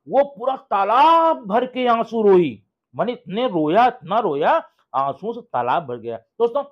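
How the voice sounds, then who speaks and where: An English grammar teacher, giving a video lesson who repeats examples slowly and asks and answers their own questions. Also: medium pitch. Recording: dull lo-fi recording.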